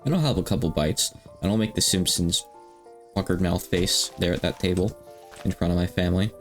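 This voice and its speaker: A man's voice: deep voice, fairly even intonation, fairly quick, faint music behind. A man in his thirties chatting casually on a livestream, rambling and self-deprecating with lots of fillers. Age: 30s. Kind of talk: casual stream chat.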